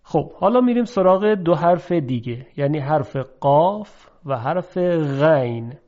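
A man teaching a pronunciation lesson, explaining methodically and drawing out example words slowly. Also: on the high side, lively intonation, darkish tone. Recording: dull lo-fi recording.

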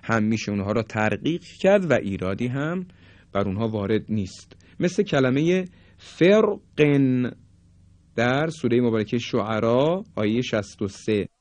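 Male recitation teacher, lively pitch, dry close sound, drawn-out demo words. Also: no echo. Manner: slow drawn-out demonstration of words. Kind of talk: tajweed lesson, explaining and demonstrating.

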